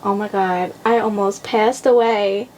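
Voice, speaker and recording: A woman's voice: mid-range voice, fairly even intonation, a little slow, a little mellow, distant mic, slight background noise. A young woman co-hosting a podcast, chiming in with short playful quips in casual chat. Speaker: podcast co-host.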